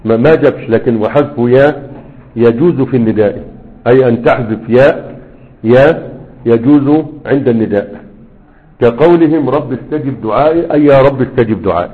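A man's voice: mid-range voice, brisk, husky. A man with an Egyptian accent teaching grammar, reciting verses and quizzing listeners with rhetorical questions. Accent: Egyptian Arabic. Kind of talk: recitation and explanation lesson. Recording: tinny phone-like sound.

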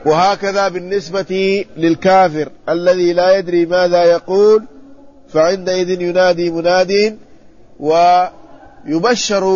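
High-voiced man teaching a hadith lesson. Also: darkish tone. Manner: measured, explanatory, checks the text with students. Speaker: Islamic scholar teaching hadith. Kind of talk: classroom hadith commentary. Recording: muffled lo-fi recording with faint ambience.

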